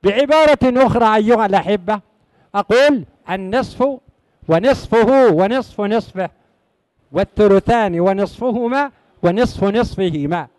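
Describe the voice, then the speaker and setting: A man delivers a religious lesson, his voice sitting high. He stresses and repeats each key point for his students. The sound is dry and close, with no room echo. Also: normal speed, a little mellow. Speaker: religious teacher. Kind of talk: lecture on inheritance law.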